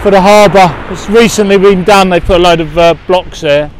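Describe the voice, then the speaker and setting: A man in his forties vlogging as he sea-fishes from a windy harbour wall, rambling with many fillers and excited when he gets a bite. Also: high voice, moderate pace. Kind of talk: casual outdoor vlogging. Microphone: action camera at arm's length.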